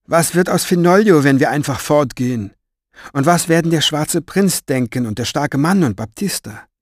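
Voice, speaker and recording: A man's voice: fairly high pitch, lively intonation, normal speed, dry recording, studio quality. A man voicing an earnest, worried teenage girl. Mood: pleading.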